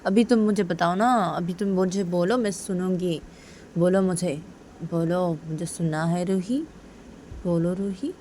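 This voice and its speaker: A woman's voice: fairly low pitch, steady tone, measured pace, dark tone, a little hiss or hum, lightly acted. A woman voicing an anxious young woman who keeps coaxing her crying partner with repeated questions. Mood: insistent.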